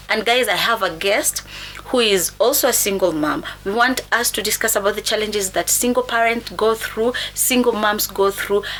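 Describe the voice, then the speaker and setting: A woman with a Kenyan accent hosting a casual interview in a guest's home, switching between languages and keeping up a steady stream of encouraging murmurs. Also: medium pitch, a little hiss or hum. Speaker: host.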